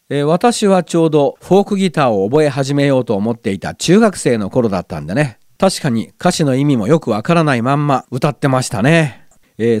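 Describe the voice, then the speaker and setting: Middle-aged male radio host, lively pitch, dry studio sound, chatty and wry. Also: no echo. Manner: chatty, musing, wry asides. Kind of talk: casual radio talk.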